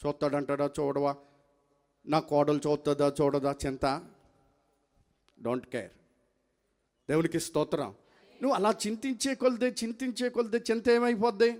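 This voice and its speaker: A man with a high voice is preaching as a pastor. He leans on repetition and call-and-response with the congregation. He also drops to near-quiet lines and then rises to loud exclamations. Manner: tells stories acting out dialogue. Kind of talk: sermon.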